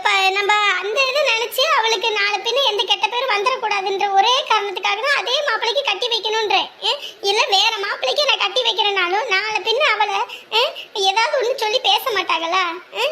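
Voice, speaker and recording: An actress playing an anxious, self-pitying village mother, scolding and lamenting in a drama. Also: extremely high pitch.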